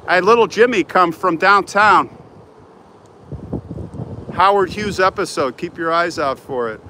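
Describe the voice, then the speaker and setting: With a fairly high, sharp-toned voice, an older man with an American accent talks casually to his live-stream audience as he strolls a large open cemetery, skipping from one comment to the next. The arm's-length phone recording carries noisy outdoor urban background.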